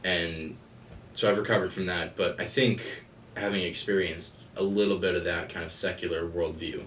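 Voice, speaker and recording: Deep-voiced young man, distant and echoey. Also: steady tone, moderate pace, fairly bright tone. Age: young adult. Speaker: podcast co-host. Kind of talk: casual chat. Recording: echoey room, mic at a distance, faint noise.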